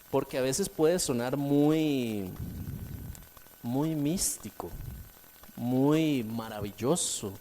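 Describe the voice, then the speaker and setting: A man preaching a sermon, swinging between emphatic and soft delivery and repeating key phrases for emphasis. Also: mid-range voice, a little hiss or hum.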